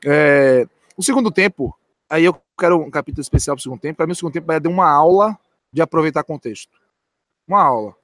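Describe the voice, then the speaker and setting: A man's voice: a little high, expressive, fast talker, a bit bright, no echo, studio quality. A man giving post-match football analysis from a stadium's stands, speaking emphatically and repeating key points.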